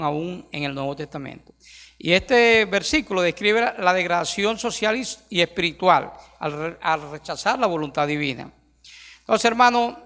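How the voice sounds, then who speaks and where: High gravelly pastor preaching. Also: male voice, pushed and bright. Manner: emphatic preaching with rhetorical questions to the congregation. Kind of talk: sermon. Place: church sanctuary. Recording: long hall reverb.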